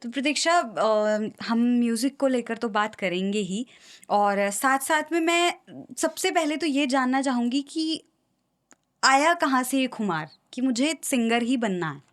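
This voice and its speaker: A woman's voice: fairly high pitch, lively intonation, measured pace. A woman hosting an interview, asking questions in a friendly, chatty way. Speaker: podcast host, interviewer. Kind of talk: casual interview conversation.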